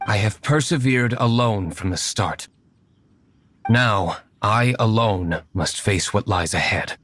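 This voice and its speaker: A man playing an aloof, solemn young nobleman in a video game, speaking in a formal, measured, stoic way. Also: lowish voice, a bit bright, slight background noise. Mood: grave, resolute. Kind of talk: anime-style video game voice acting. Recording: music behind the voice. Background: game music with plucked strings.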